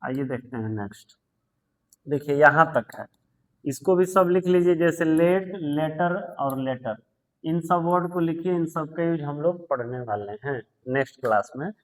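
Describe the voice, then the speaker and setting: A man teaching English grammar in a patient lesson, repeating words, spelling them out and telling students to pause and take notes. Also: on the high side, poor audio. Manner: tells students to pause the video and write notes. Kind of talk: slow explanatory grammar lesson.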